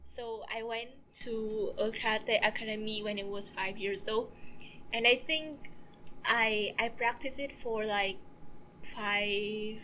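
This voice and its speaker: A woman from Vietnam, a podcast guest telling her story in a soft-spoken, easygoing way. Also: medium pitch, steady tone, slow, low-quality recording. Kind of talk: casual podcast chat. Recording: faint background noise.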